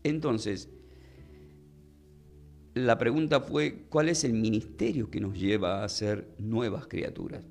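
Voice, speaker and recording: A man teaching a Bible lesson in a sermon style. He speaks slowly and deliberately, spells out words and often asks the listeners questions. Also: on the low side, gravelly, a little mellow, soft background music.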